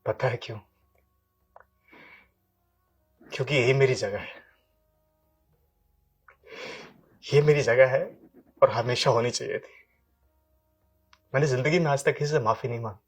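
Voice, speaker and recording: A man plays a guilt-ridden husband who stammers and begs his wife to come home. His husky voice breaks as he pleads, piling repeated words on top of each other. Soft music runs underneath. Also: mid-range voice, fairly quick, pauses often, natural voice. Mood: pleading. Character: remorseful husband begging his estranged wife. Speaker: actor in a short drama. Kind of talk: melodramatic acting. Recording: faint music behind.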